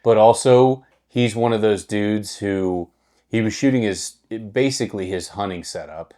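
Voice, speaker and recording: A man's voice: fairly low pitch, normal speed, mellow. A man co-hosting a podcast, telling stories in casual, profane chat with lots of restarts. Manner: profane, rambling storyteller with many restarts. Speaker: podcast co-host.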